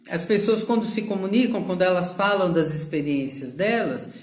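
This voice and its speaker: A woman's voice: fairly low pitch, roomy sound. A woman with a Brazilian Portuguese accent giving a live-streamed sales lecture, listing terms one by one and checking in with "ok?". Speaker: sales trainer. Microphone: phone on a social media live stream.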